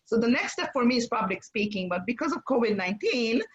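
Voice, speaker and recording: A woman's voice: fairly high pitch, animated, fast, highs cut off. A woman hosting a casual interview, speaking conversationally with hesitant, repeated phrases and non-native phrasing. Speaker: interview show host.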